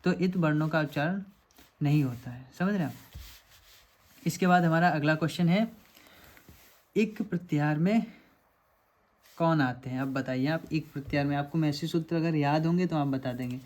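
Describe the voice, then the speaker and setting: A man's voice: fairly high pitch, normal speed, long pauses, darkish tone. A man teaching a lecture, working through quiz questions step by step and often checking that students follow. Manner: explanatory, repeats checks like "samajh rahe hain aap".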